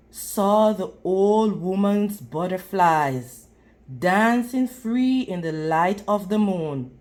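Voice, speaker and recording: Reading a storybook to young children, a woman with a mid-range voice takes a deliberate, teacherly approach. She stops now and then to ask questions and praise her listeners.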